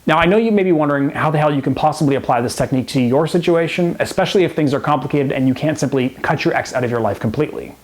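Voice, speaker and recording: Racing along with few pauses, a man's fairly high voice delivers scripted relationship advice. He plays coach and host, addressing the viewer directly and instructively.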